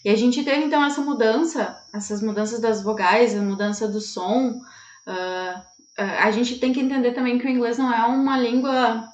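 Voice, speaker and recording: A woman's voice: on the high side, steady tone, moderate pace, echoey room. A woman from Brazil, an English teacher co-hosting, explaining patiently and often checking in with listeners. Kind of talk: casual classroom-style chat.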